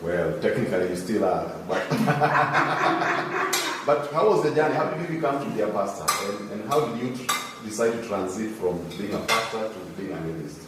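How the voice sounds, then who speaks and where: A Kenyan man with a fairly low voice asks questions in a friendly, casual way. He is far from the mic in an echoey room. Cutlery and dishes clatter loudly behind him. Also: lively intonation, normal speed, heavy background noise. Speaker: interviewer. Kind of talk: interview questions.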